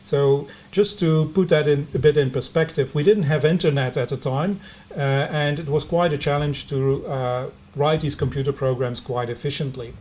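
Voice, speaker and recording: A middle-aged Belgian biomedical engineer who speaks Dutch as his first language lectures students over video conference in English with a Belgian Dutch accent. His slightly high, darkish voice stays steady in tone. His delivery has many pauses, fillers and restarts.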